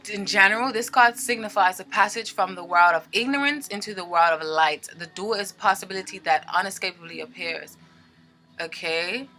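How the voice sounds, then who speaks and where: A woman giving a casual tarot reading, chatty and animated, often checking in with her listeners. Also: medium pitch, moderate pace. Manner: chatty, animated, with filler words and frequent "okay?" check-ins. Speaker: tarot reader.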